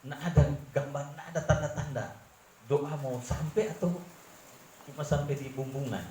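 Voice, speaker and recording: A middle-aged pastor with a Manado accent preaches in a fairly high voice. The room around him rings with echo, and a faint hum of ambience sits underneath. He shifts between hushed, confiding stretches and raised, insistent emphasis. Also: steady tone, moderate pace. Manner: earnest preaching, sweeping from low confiding tones to raised emphatic ones. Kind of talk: sermon. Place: church hall.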